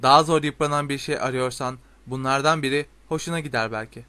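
A man's voice: medium pitch, quick pace, pushed and bright, no echo, close to an everyday voice. A man playing a curt shopkeeper witch. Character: brisk middle-aged female shopkeeper witch.

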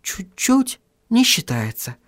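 A man's voice: extremely high pitch, very animated, takes it slowly, fairly bright tone, pitched above the performer's own voice, exaggerated voice. A man voicing a firm, insistent young woman who urges and reassures in a storybook reading. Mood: firm calm. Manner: urgent and insistent.

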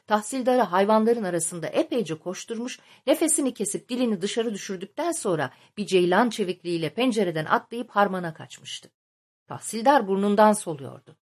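A woman reading a novel aloud as an audiobook narrator, in a measured, literary storytelling manner. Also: medium pitch, a little mellow, breathy edge.

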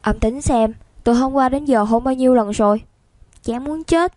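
A woman voicing an angry, pouting young man who snaps back quickly and fast. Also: medium pitch, level tone, dry recording, natural voice. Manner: fast, snappy retorts.

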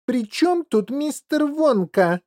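A shrill, spoiled little girl, voiced by a man reading a storybook screeches her demands. The voice swoops wildly up and down over a dark, mellow timbre. She whines and shrieks like a pampered child in an audiobook. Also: sing-song, slow pace, full character voice. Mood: bratty demanding.

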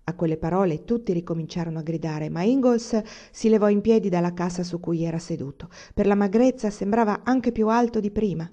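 A woman reading a novel aloud as an audiobook narrator, in an even storytelling manner. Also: medium pitch. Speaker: audiobook reader. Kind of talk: scripted narration. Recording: dull lo-fi recording.

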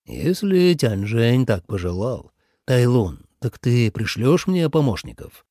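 A man reading an audiobook voices a weary male war god general, calm and measured. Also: mid-range voice, no echo, clean studio sound.

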